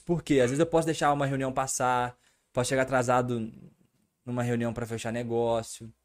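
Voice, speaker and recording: A man co-hosting a casual podcast, getting animated and louder when worked up. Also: mid-range voice. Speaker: podcast co-host.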